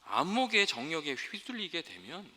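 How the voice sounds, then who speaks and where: Lively bright-voiced preacher in a ringing hall. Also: male voice, on the high side, moderate pace. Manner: earnest, storytelling, addresses congregation directly. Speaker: pastor. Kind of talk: sermon. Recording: long hall reverb.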